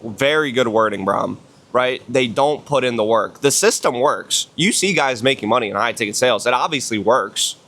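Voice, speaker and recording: A man's voice: medium pitch, animated, normal speed, a bit bright. Hungover, blunt, slangy man giving a pep talk. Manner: blunt, slangy, heavy swearing; emphatic, repeats phrases for stress. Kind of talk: casual motivational podcast talk. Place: outdoors on a villa balcony.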